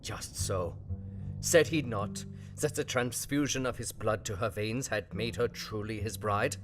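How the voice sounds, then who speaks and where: An actor playing a philosophical, grieving older foreign professor in an audio drama, speaking dramatically in broken English. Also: male voice, on the low side, measured pace, natural voice. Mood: wry. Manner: broken non-native English syntax, dramatic sighing delivery. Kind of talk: theatrical audio drama acting. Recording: music behind the voice.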